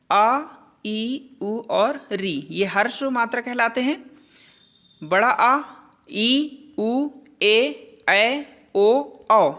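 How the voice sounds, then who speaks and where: Female teacher, fairly high voice, measured unhurried delivery, quizzes herself as she goes. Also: a bit bright. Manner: asks questions and answers them herself; slow and deliberate, repeats key terms. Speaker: Hindi grammar teacher. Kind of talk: classroom-style lesson.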